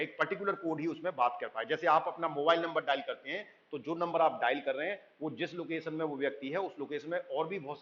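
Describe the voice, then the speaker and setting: A man with a slightly raised voice gives a recorded lecture, explaining step by step and reading English lines from slides slowly. He keeps checking understanding as he goes. The sound is dull and muffled. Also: fairly high pitch, fairly bright tone. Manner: explains in Hindi, reads English lines slowly, frequent "thik hai" checks.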